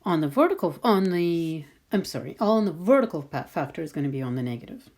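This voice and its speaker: A woman's voice: lowish voice, big pitch swings, a little mellow. A woman math teacher talking patiently through a screen-recorded lesson, thinking aloud as she draws. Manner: slow, patient, thinking aloud while drawing.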